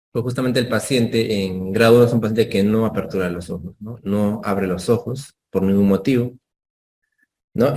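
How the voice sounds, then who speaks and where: A man's voice: mid-range voice, dark tone, slight background noise. A man teaching a medical lesson, explaining step by step, ending phrases with tag questions and acting out short exchanges with patients. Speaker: medical lecturer.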